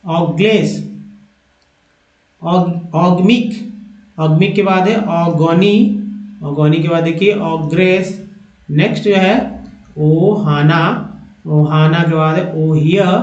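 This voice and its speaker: A man teaching a pronunciation lesson, reading a list of words aloud slowly and repeating each one. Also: high-pitched, a little mellow. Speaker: English teacher. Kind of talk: slow word-by-word pronunciation lesson. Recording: echoey room, dull lo-fi sound.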